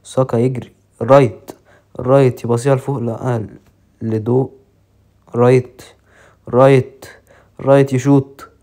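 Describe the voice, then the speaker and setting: A man with an Egyptian accent commentating his own football game match with excited, joking play-by-play. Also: mid-range voice, a little slow, pauses often. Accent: Egyptian Arabic. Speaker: mobile football gamer.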